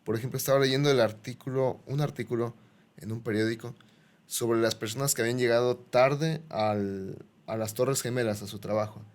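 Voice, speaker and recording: Un hombre en un pódcast que comenta con calma y reflexiona con ejemplos. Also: male voice, mid-range voice, normal speed. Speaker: podcast co-host. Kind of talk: casual reflective chat.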